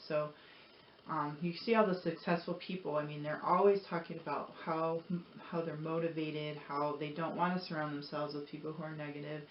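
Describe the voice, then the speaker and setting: A woman with a voice that sits low talks to viewers a little fast in a flat delivery, earnest, encouraging and rambling like a motivational vlogger. The casual personal talk is recorded with roomy echo and dull, noisy lo-fi audio.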